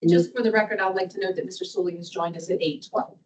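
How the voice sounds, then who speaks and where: A woman's voice: on the low side, fairly even intonation, fast, darkish tone. Muffled woman reporting from off mic. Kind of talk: formal meeting report. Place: board meeting. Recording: muffled, distant meeting microphone.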